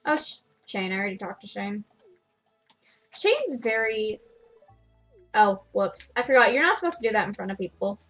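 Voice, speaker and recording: A woman's voice: medium pitch, animated, quick pace, few pauses, a bit bright, faint music behind. A woman streamer giving casual, self-deprecating commentary while playing a farming game. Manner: chatty, self-deprecating, laughs at herself.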